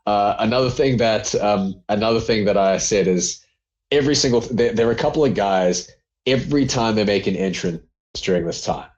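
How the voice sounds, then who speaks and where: A man's voice: lowish voice, fairly quick, a little mellow, dull audio. Chatty rambling man reviewing old wrestling. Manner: rambling, filler-heavy, laughs often. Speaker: podcast co-host. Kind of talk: casual wrestling review chat.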